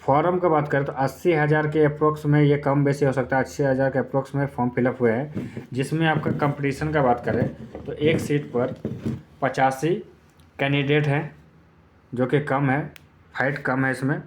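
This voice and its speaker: A slight hiss or hum sits under this man's medium-pitched, steady voice, which moves at a normal speed. He's an exam-prep YouTuber giving candidates a casual, step-by-step explanation, repetitive and full of filler phrases.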